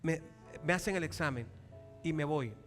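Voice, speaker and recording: A male pastor preaching a sermon, animated and acting out dialogue, often asking the congregation for a reply. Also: a little high, normal speed. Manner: acts out quoted dialogue in raised voices. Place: large church hall. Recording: long hall reverb with faint music.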